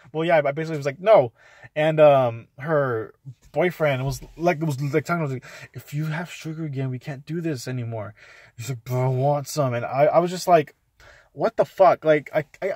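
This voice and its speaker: A man's voice: a little high, dry recording. A young man talking casually in a vlog, reviewing a movie and ranting in a rambling, profane way, full of fillers. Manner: rambling, profane, animated storytelling with lots of "like".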